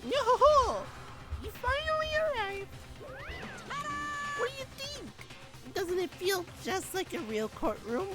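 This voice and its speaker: A streamer voicing a gleeful, mischievous cartoon bear headmaster in a squeaky, sing-song, bossy way while playing a game. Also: very animated, unhurried, long pauses, loud music behind the voice, exaggerated voice.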